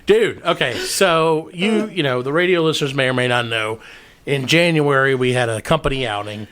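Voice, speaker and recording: Co-hosting a comedy podcast, a man with a Southern American accent jokes and rambles through casual banter. His mid-range voice moves at normal speed, animated and full of restarts.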